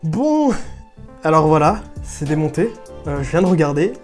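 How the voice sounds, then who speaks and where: A man who runs a tech channel, telling the story of an investigation in a chatty, excited, slangy way. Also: on the high side, normal speed, faint music behind. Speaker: tech YouTuber. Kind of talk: casual investigative vlog narration.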